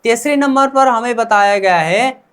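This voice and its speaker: A man's voice: very high voice, measured pace, a bit bright, clear, resonant tone. A man teaching Korean pronunciation in a classroom-style lesson, asking "what?" and answering himself and repeating each sound several times.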